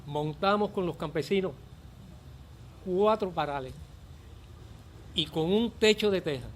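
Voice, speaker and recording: An older man with a Cuban accent, a former volunteer teacher giving earnest, measured testimony for a documentary. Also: high-pitched, slight background noise.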